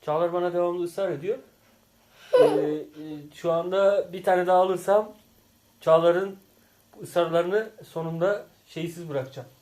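A man's voice: high voice, measured pace, a little mellow, a little hiss or hum. A man, a father hosting a casual family vlog, teasing playfully and calling out game scores with bursts of laughter. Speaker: father and channel host.

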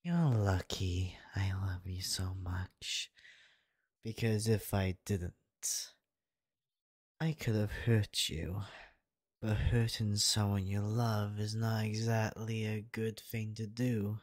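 Casting: man to play obsessive young devil prince for ASMR role-play; low, slow demonic soft voice, breathy, intimate menace. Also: steady tone, no room sound, studio quality. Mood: quietly menacing.

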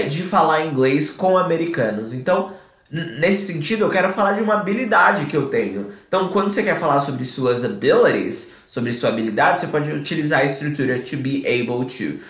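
A Brazilian man teaching English on a live stream, his fairly high voice moving between quick Portuguese explanations and slow, carefully drawn-out English examples. He talks into a desk mic at home, and the room around him rings with echo. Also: fairly bright tone. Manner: explains in Portuguese, models English phrases slowly, reads chat aloud. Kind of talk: live online English lesson. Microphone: desk microphone.

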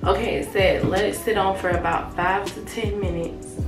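A woman's voice: medium pitch, steady tone, normal speed, distant mic. A young woman talks casually to the camera, her voice a little affected by being sick. She takes her time and repeats phrases for emphasis. The sound is roomy and set back from the mic in a small bathroom, with music playing behind her. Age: young adult. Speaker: natural hair vlogger. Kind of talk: casual tutorial chat to camera. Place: small tiled home bathroom, indoors. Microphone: camera mic a short distance away.

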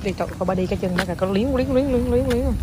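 A woman's voice: fairly high pitch, very fast, noisy background. A woman, a mother filming a casual family vlog, coaxing and playful with her child and mixing in English phrases.

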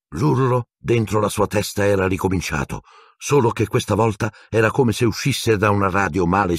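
A man narrating an audiobook in an expressive, dramatic storytelling manner. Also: sits low, husky, dry recording, clean studio sound. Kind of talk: scripted narration.

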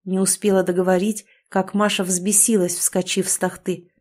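A woman's voice: medium pitch, flat delivery, normal speed, darkish tone. Woman narrating an audiobook. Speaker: audiobook reader.

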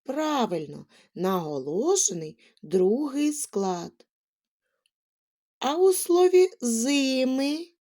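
A woman teaching a lesson to small children, asking questions and reciting little rhymes in a drawn-out, sing-song way. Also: on the high side, big pitch swings, dark tone. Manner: questioning, drawn-out words, rhyming verses. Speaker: kindergarten teacher.

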